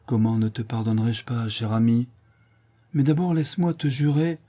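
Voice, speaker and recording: A man's voice: mid-range voice, moderate pace, dark tone, natural voice. A man voicing a tender, teasing young countess in a storybook, speaking in a raised voice. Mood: earnest.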